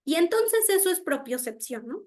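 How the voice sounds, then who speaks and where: High-voiced woman teaching speech therapy. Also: very animated, moderate pace, a little mellow. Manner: explains with everyday examples and frequent "¿no?" checks; acts out children's mispronunciations. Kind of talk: online diploma lecture.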